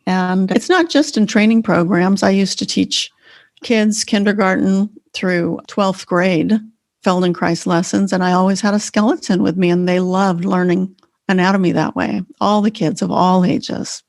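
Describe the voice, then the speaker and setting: A woman's voice: mid-range voice, steady tone, measured pace, a little mellow, dry recording, clean studio sound. A woman co-hosting a podcast as a Feldenkrais teacher, explaining in an earnest, conversational way. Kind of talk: casual conversation.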